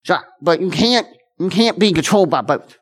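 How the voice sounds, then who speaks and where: This pastor delivers a conversational sermon to his church with earnest, circling speech that restarts and repeats phrases. His high-pitched voice is expressive, a bit bright, and breathy at the edges, racing through offhand asides and slowing for weighty lines.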